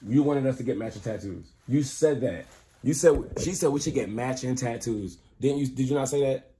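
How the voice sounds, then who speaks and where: This is casual prank vlog banter recorded indoors at home. The channel host, a man with a mid-range, warm voice at normal speed, playfully and insistently teases his girlfriend using slang while pranking her.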